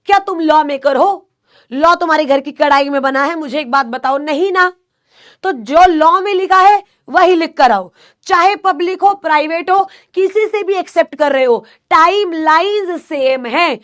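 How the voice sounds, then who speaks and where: A woman's voice: extremely high pitch, measured pace, a bit bright. A young woman teaching an online class with a sore throat, drilling her students with call-and-response and teasing scolds.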